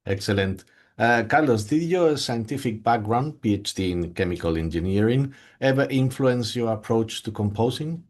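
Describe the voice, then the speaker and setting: A man's voice: medium pitch, lively intonation, normal speed. A man hosting an interview, asking formal, brief questions. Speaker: interview host.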